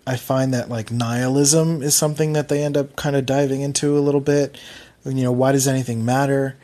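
A man's voice: medium pitch, darkish tone. A man from Philadelphia with a Philly accent, hosting a casual solo podcast in a rambling, self-deprecating way. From Philadelphia, USA. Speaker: podcast host.

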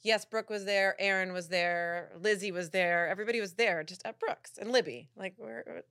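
A woman's voice: medium pitch, moderate pace, fairly bright tone, clean tone, no room sound, clean studio sound. A woman from San Diego with a Southern Californian accent, telling casual anecdotes as a podcast guest in an informal way, full of "like" and quoted self-talk.

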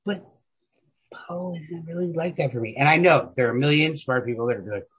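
This man's voice sits on the high side, brisk with a breathy edge. Hosting a podcast, he chats casually about books in a slangy, emphatic way, swearing freely and hedging with lots of "like."

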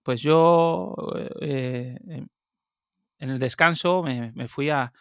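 Man, interview guest, lively casual storytelling, dry close recording. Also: mid-range voice, no room sound. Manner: lively, animated, quick asides and laughs.

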